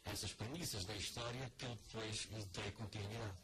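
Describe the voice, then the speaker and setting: A man's voice: on the low side, moderate pace. An older man with a European Portuguese accent, a guest on a radio interview, talking hesitantly with many restarts. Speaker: author guest. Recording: noisy radio broadcast.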